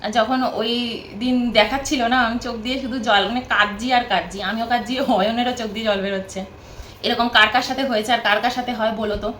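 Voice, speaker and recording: A woman's voice: on the high side, fairly bright tone, reverberant, a little hiss or hum. A woman vlogging at home from her bed, chatting casually to the camera, rambling and repeating herself.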